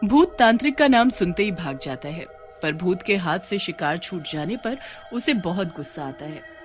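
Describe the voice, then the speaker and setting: Low-voiced woman telling a cartoon tale. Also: big pitch swings, normal speed, faint music behind. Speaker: narrator. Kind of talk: storybook cartoon narration.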